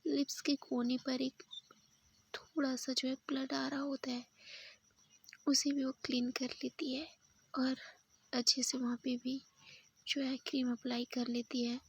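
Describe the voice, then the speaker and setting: A woman telling a romance story in a hushed, often whispered, unhurried way, close to the mic. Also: high voice, level tone, husky, dry recording.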